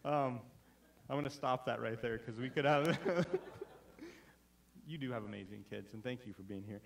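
A man's voice: medium pitch, normal speed, gravelly, recorded from a distance. A man preaching a sermon as pastor, chatty and self-deprecating, often stumbling and restarting mid-sentence. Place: church sanctuary.

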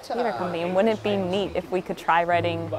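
A woman's voice: on the low side, fairly even intonation, quick pace, rough recording. A woman co-writer of a musical, speaking reflectively in an outdoor documentary interview. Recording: music playing underneath.

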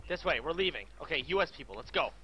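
A man streaming a game live, chatting casually, bossing his viewers around with excitable, profane outbursts. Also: on the high side, fast talker, slight background noise.

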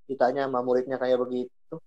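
A woman's voice: extremely low pitch, monotone, quick pace, highs cut off. A woman giving a casual religious talk. She repeats phrases for emphasis and swings her delivery expressively. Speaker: religious speaker.

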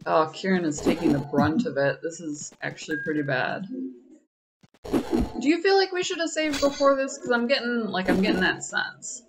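A woman's voice: fairly low pitch, animated, moderate pace, very noisy. A woman chatting through a video game as its streamer, playful and wry, often exclaiming.

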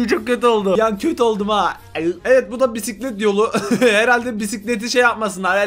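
A man's voice: sits high, a bit bright. A man hosting a reaction video, commenting on photos in a casual, exasperated and joking way, often laughing.

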